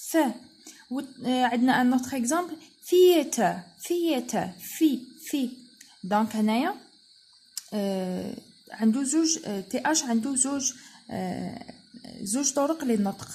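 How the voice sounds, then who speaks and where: A woman with an Algerian Arabic accent, teaching an English pronunciation lesson. She repeats each sound patiently and slowly, switching between Arabic, French and English. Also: a little high, a little mellow, slightly rough. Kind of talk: spoken language lesson.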